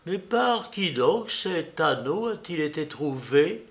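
A man voicing an accused woman who speaks softly and calmly. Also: fairly high pitch, heavily acted. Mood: composed. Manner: soft, measured. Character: composed foreign woman under accusation.

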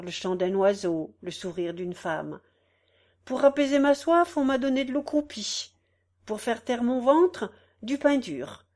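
A woman voicing a broken old beggar back from prison, speaking low and bitter in a storybook reading. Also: a little mellow, lightly acted.

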